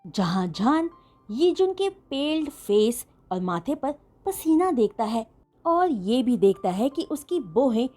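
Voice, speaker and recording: A woman retelling a fan-written romance story as an animated, dramatic storyteller. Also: on the high side. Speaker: fanfiction storyteller.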